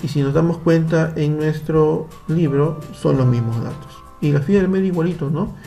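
Faint music sits behind a fairly high-pitched man whose dark voice carries vocal fry. Speaking at a moderate pace with a Peruvian Spanish accent, he teaches children a computer lesson via screen recording, patiently explaining each step and often using tag questions.

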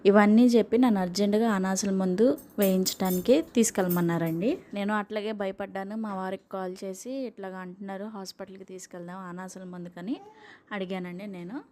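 A woman's voice: mid-range voice, steady tone, brisk, mellow. A young woman, a mother, talking casually and earnestly to viewers, reassuring them and listing newborn-care tips one by one. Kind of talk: casual spoken vlog advice.

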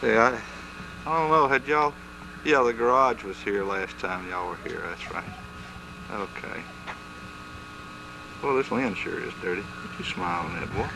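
Man, low voice, hissy old camcorder audio, casual home-movie chatter. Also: measured pace, creaky, pauses often. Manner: plain, explains things step by step. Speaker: family member filming home movies. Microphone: built-in camcorder mic.

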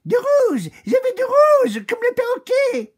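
A man voicing an impatient, excitable female chameleon who squeals her demands in a high voice. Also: slow, heavily acted. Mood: excited.

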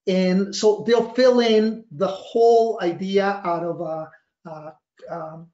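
The middle-aged risk analysis consultant from Costa Rica, a native Spanish speaker, keeps walking through his slides, wordy and halting with emphatic stresses, in a semi-scripted talk. Pitched high with fairly even intonation and a warm tone, his voice comes through a dull, roomy webcam recording made in a small indoor office.

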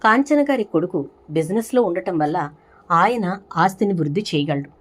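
A woman reading the lines of a middle-aged male lawyer explaining a will in a steady way. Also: on the low side, moderate pace, husky.

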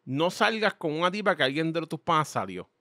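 Animated Puerto Rican man, dry close sound. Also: fairly high pitch, fairly quick, dry recording. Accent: Puerto Rican Spanish. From Puerto Rico. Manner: animated storytelling, slangy, acts out voices. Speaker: podcast host. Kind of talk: casual chat.

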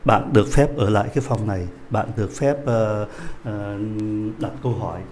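A man teaching a French lesson, patiently explaining a dialogue and slowing down to repeat phrases. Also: fairly low pitch, a little mellow, a little hiss or hum.

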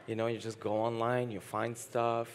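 This young Bulgarian panelist, founder of a dating app, is medium-pitched with a flat delivery at a moderate pace. Speaking frankly from a conference hall stage, he stumbles into frequent restarts and laughs while talking, and there's slight background noise.

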